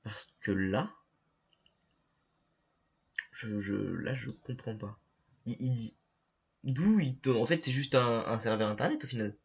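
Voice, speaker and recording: A man streaming a game live, talking to his chat in a halting, stammering way and reading the screen aloud. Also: medium pitch, lively intonation, slightly rough, highs cut off. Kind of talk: live gameplay commentary.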